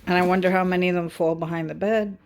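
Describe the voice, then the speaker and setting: An adult woman helps out off camera in a child's unboxing video, chatting casually and teasing playfully. Her voice is lowish and steady, and she talks quickly. Slight background noise is audible.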